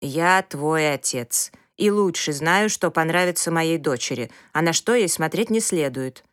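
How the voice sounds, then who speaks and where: A woman doing a slow, gruff old father. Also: animated, no echo, clean studio sound. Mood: weary. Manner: slow, low, tired sighing delivery.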